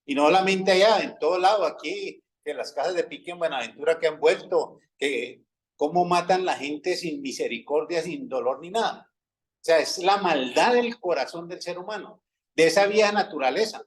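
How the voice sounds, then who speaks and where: A man's voice: on the high side, normal speed, rough recording. A man with a Colombian Spanish accent preaching a sermon as pastor, talking in a conversational way, checking in with his listeners and acting out everyday stories. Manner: acts out quoted dialogue in everyday stories.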